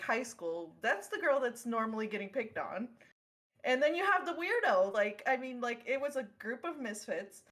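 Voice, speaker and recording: A woman co-hosting a casual podcast, her voice a little higher than most. She talks freely and loosely, filling her speech with likes and laughing easily. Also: a bit bright. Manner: chatty, laughs easily, uses lots of likes. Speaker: podcast co-host. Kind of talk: casual chat.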